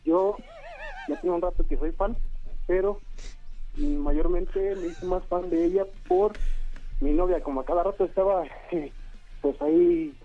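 A man's voice: high-pitched, measured pace, long pauses, soft background music. A man calling in over the phone to a radio show, hesitant and full of fillers. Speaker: radio call-in contestant. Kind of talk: phone-in chat with radio hosts. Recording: tinny phone line on radio.

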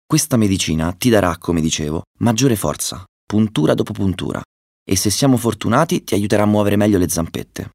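A man reading a children's story, voicing a calm, wise female owl doctor who explains gently. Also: fairly low pitch, fairly quick, gravelly, dry recording, clean studio sound. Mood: calm, explaining.

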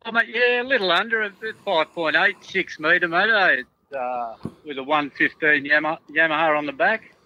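A man's voice: on the high side, normal speed, bright, forceful tone, highs cut off. An Australian man as a podcast guest, chatting in a laid-back, friendly way. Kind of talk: casual chat.

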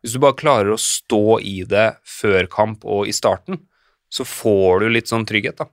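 Low-voiced man, reflective and hesitant. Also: no room sound, studio quality. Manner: reflective, hesitant with frequent fillers. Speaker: podcast guest. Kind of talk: casual conversation.

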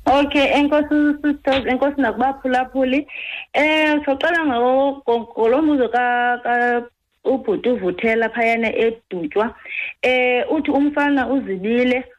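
Higher-voiced South African woman doctor explaining. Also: low-quality recording. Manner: halting, repeats word beginnings. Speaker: doctor, guest expert. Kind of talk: explaining medical advice on radio.

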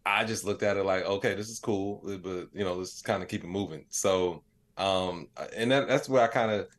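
As a guest on a podcast, this middle-aged comedian and digital creator with an American accent tells reflective stories in a casual, easygoing way. He speaks at normal speed in a low voice.

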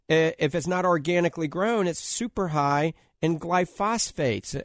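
New Orleans man, higher-pitched, emphatic health pitch. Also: no room sound, clean studio sound. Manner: emphatic, repetitive, listing points. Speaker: health show host promoting diet and supplements. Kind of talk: informal radio-style health talk with product pitch.

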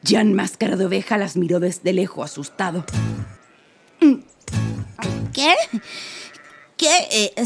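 A woman narrating a children's story in an animated, playful way, with sound effects. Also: mid-range voice. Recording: music playing behind.

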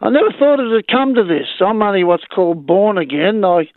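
Creaky, high-pitched Australian male caller on phone. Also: sing-song, brisk, dry recording. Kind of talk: earnest call-in opinion. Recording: band-limited phone line on radio.

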